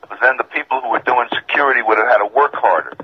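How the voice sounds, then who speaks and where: A man from Georgia calling in to a radio show, insistent and calmly argumentative, his voice tinny and metallic over a bad phone line. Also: medium pitch, rapid-fire, a little hiss or hum. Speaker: caller. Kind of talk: call-in radio caller.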